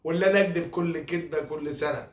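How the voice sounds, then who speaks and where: A man's voice: fairly high pitch, fairly even intonation, quick pace, background noise, close to an everyday voice. A man with an Egyptian accent voicing a sly, lying male servant in a told folk tale, in a mischievous, matter-of-fact way. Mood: cheeky. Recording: roomy, from a distance.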